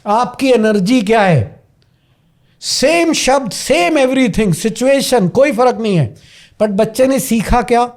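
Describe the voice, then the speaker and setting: A man's voice: very high voice, expressive, slow. A man, a podcast guest telling a story dramatically and repeating lines for emphasis. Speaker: podcast guest, parenting coach.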